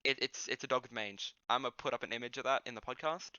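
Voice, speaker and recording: Deadpan young Australian man. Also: mid-range voice, quick pace, clear, resonant tone, no room sound, muffled recording. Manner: dry, blunt, deadpan quips. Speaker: podcast co-host. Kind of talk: casual chat.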